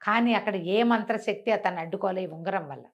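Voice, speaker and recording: This web show storyteller, a woman with a mid-range voice, narrates a fantasy folk tale briskly and conversationally. She uses rhetorical questions and repetition, and the recording has its highs cut off.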